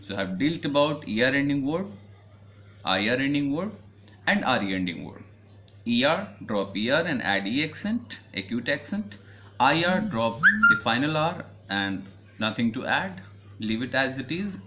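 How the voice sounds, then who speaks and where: A man's voice: medium pitch, big pitch swings, normal speed, bright, forceful tone, a little hiss or hum. Patient Indian-accented man teaching French grammar. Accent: Indian English. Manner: spells out letters, repeats points patiently. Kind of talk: classroom grammar lesson.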